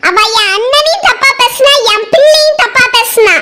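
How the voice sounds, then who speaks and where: A performer voicing a wounded, defiant wife in a cartoon family drama, shouting and sobbing as she refuses to back down. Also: very high-pitched, normal speed.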